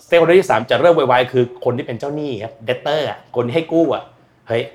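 A man's voice: fairly high pitch, quick pace, darkish tone. A man talking as a guest expert on energy and climate in casual, blunt, slangy speech, acting out quoted voices. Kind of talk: casual explanatory talk.

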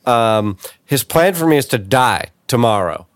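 A man's voice: medium pitch, animated, a little slow, dry recording. Laid-back, swearing man in casual chat. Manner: laid-back, profane, laughs often. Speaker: podcast co-host.

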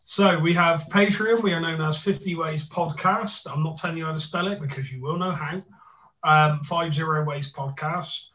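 Gruff bristol bloke doing jokey podcast chat, kinda far from the mic, dull echoey sound. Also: male voice, fairly high pitch, steady tone, moderate pace, pushed and bright. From Bristol, England. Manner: jokey, playful. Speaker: podcast co-host. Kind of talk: casual chat, plugging and bantering. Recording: roomy echo, distant mic, slightly dull.

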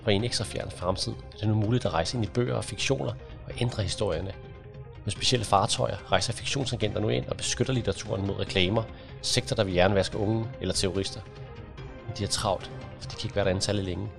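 Deep, gravelly male audiobook narrator. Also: steady tone, music in the background. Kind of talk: scripted narration.

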